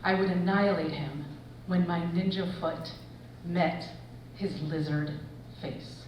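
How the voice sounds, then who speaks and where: A woman in her forties, an English professor, reading a personal essay aloud with expressive storytelling. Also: fairly low pitch, takes it slowly, recorded from a distance, highs cut off, slight background noise. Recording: echoey hall, voice from afar.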